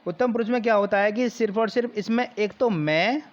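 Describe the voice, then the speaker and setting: A man teaching a grammar lesson for exam preparation, explaining slowly and repeating key terms. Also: high voice, lo-fi sound.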